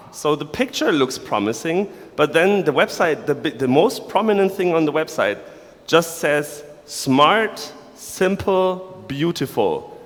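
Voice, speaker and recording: A man from Germany, giving a playful, sarcastic conference talk to developers. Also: a little high. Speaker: conference speaker. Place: large conference hall. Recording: long reverb of a large hall.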